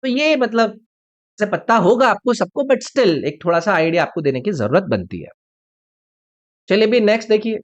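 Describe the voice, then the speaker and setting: A man teaching an online exam-prep English lesson. He walks through each point one step at a time and keeps putting questions to his viewers, slowing right down to read the example sentences. The recording sounds a little dull and lo-fi. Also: high voice, sing-song. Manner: reads example sentences slowly and deliberately.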